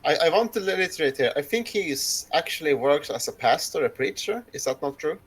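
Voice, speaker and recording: A man's voice: a little high, lively intonation, fairly quick, husky. A man co-hosting a casual podcast who cuts in with dry, skeptical remarks. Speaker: podcast co-host.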